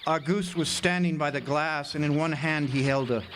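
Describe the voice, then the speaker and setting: Speaking at normal speed in a slightly high, somewhat bright voice, a man lightly acts the part of a haunted lighthouse keeper. His first-person radio-drama telling is urgent and dramatic, tripping over words, captured noisily live at an outdoor amphitheater with birds singing.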